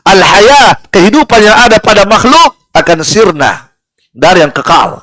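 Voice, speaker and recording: A man teaching Quran exegesis in a live study class in a prayer room, lively and rhetorical, keeps asking his listeners why and then answering himself, with Arabic verses recited in a slow chant. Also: high-pitched, no room sound.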